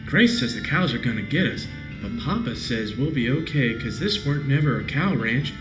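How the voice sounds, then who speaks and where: A man's voice: mid-range voice, lively intonation, moderate pace, reverberant, music in the background, lightly acted, poor audio. A man reading a game diary as a frightened young frontier girl, with plain, folksy, childlike phrasing. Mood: earnest, innocent. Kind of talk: game diary read aloud.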